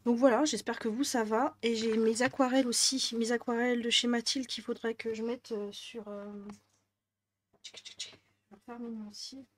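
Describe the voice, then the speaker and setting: A woman's voice: a little high, little pitch movement, normal speed, a little hiss or hum. Chatty northern French woman vlogger. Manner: rambling, chatty, many fillers. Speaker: crafting vlogger. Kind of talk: casual chat.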